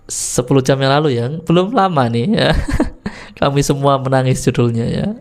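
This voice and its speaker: A man's voice: mid-range voice, moderate pace, vocal fry. A man doing casual reaction commentary on clips for his viewers, chatty and laughing often. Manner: giggly, chatty, frequent laughter.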